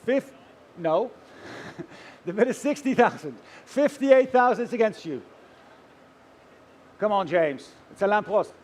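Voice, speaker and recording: Male auctioneer with a very high voice, theatrical delivery, calling bids live and working the bidders. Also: animated, slow, long pauses, a little mellow, slight background noise. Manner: chanting rising numbers, addressing bidders directly, theatrical.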